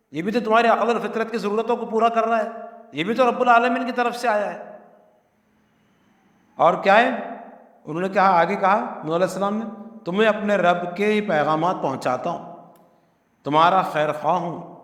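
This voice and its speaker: A man's voice: high-pitched, fairly bright tone. A man preaching a Quranic commentary in speech, earnest and emphatic, asking rhetorical questions. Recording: echoey hall.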